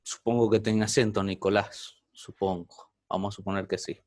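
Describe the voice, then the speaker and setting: A man's voice: lowish voice, flat delivery, normal speed, darkish tone, no echo, studio quality. Man teaching a programming class. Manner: explains step by step, often checks in with "¿bien?".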